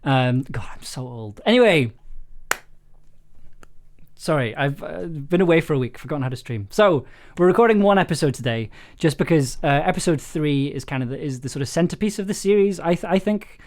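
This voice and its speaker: Hosting a casual livestream about making audio drama, a man with a fairly high, lively, slightly mellow voice talks briskly. He jokes at his own expense and laughs readily throughout the chat.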